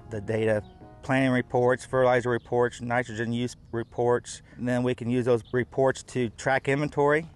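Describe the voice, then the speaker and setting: Plainspoken farmer. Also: male voice, medium pitch, clean tone. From United States. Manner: plainspoken, practical, with fillers. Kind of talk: on-camera interview.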